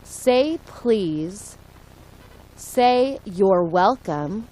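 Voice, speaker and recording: A woman reading short English phrases aloud for learners, clear and deliberate, one phrase at a time. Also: medium pitch, lively intonation, mellow, rough recording. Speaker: English lesson reader. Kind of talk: slow read-aloud for learners.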